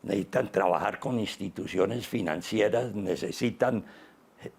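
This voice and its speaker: A man, speaking as an interview guest in an unhurried, reflective way, pausing often. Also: on the low side, creaky, darkish tone, slightly rough. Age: 80s. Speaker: interview guest, business founder.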